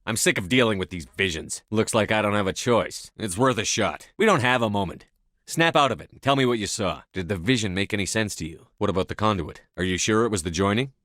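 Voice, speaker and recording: Commander Shepard, a low-voiced military commander. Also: male voice, lively intonation, brisk, fairly bright tone, no echo, studio quality. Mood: businesslike. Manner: firm, commanding, clipped delivery. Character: resolute human military commander, stern and driven. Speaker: video game protagonist. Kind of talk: video game dialogue acting.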